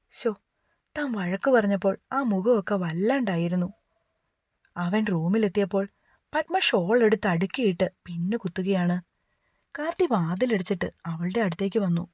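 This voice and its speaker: Woman, audiobook narrator, steady gentle reading, mid pitch, dry close sound. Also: dry recording. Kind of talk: scripted narration.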